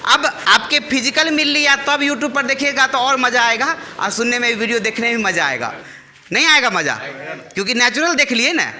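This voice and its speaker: A man with a very high, piercingly bright voice hosts a live talk for a crowd of farmers at a village temple. He talks like a teacher, coaxing listeners to answer back. He also leads call-and-response chants. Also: lively intonation, brisk. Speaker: channel host addressing farmers.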